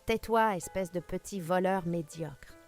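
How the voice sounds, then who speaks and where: Solange, a gravelly stern old matriarch, as a woman narrator reads her. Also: fairly low pitch, unhurried, faint music behind, natural voice. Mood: cold, commanding. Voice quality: hoarse, gravelly. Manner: articulates every syllable, cutting. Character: stern elderly matriarch, icy and commanding.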